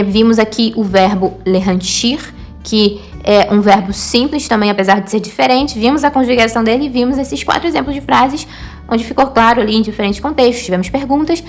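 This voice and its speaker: A woman, patiently explaining a language lesson, checking in with short tag questions. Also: on the high side. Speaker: Hebrew teacher.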